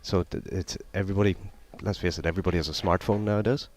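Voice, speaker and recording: A man with a very deep voice speaks as a guest on a sports commentary. He explains things conversationally, in a plain and matter-of-fact manner. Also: fairly even intonation, very fast, a little mellow, a little hiss or hum. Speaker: guest co-commentator explaining his own product.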